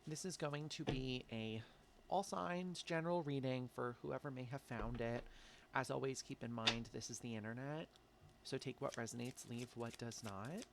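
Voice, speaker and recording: A man with an American accent gives a casual, chatty tarot reading, sounding congested from allergies and saying "um" and "like" a lot. His medium-pitched voice is creaky and moves at a moderate pace against a noisy background.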